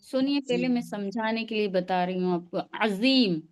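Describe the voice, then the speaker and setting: A woman teaching pronunciation in an online class over a video call, patiently modelling each sound for her students to repeat. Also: mid-range voice. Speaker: tajweed teacher.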